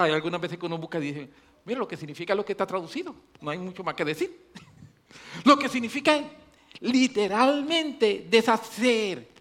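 A pastor preaching a sermon, swinging between loud emphatic stretches and low quiet ones, repeating phrases for emphasis. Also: male voice.

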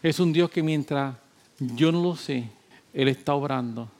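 A male pastor preaching a sermon, emphatic and repetitive, moving between loud exhortation and quiet, low talk. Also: unhurried.

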